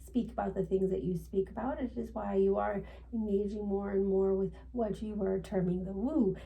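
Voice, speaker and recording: Woman channeling a formal, creaky-voiced spirit guide, seance medium. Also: mid-range voice, fairly even intonation, moderate pace, distant mic, narrow, tinny audio, close to an everyday voice. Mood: serene, instructive. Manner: formal, stilted phrasing, frequent tag "yes?".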